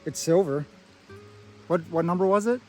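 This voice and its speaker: A man's voice: high voice, soft background music. A man vlogging outdoors in a winter forest while metal detecting, enthusiastic and marveling at what turns up. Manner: enthusiastic, marveling, quick reactions. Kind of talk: outdoor vlog narration to camera.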